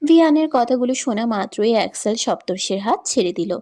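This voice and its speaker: Female narrator for a romance audiobook, slightly high voice, steady delivery. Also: a little fast. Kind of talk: scripted storybook narration.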